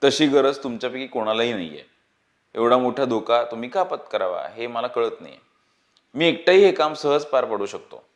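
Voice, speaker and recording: A man's voice: mid-range voice, expressive, moderate pace, close to an everyday voice. A man reading the part of a determined young man, earnest and firm.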